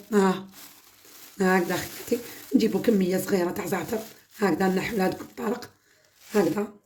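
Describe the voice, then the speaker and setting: A woman's voice: mid-range voice, a little mellow, slight background noise. A woman with an Algerian Arabic accent hosting a home cooking channel, chatting through a home-remedy demonstration and often calling her viewers "my sisters".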